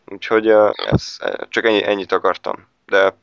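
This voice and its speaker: A man with a low, smooth and resonant voice talks through superhero films in a relaxed chat. He hesitates a lot, repeating words and filling pauses as he thinks. The sound is dry and close. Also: no room sound, dull audio. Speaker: film reviewer. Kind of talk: casual film review chat.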